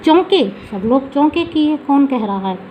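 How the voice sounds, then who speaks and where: A woman teacher explaining a Hindi poem, reading each verse slowly and then paraphrasing it in plain speech. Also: sits high, lively intonation. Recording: dull lo-fi recording with faint background hiss.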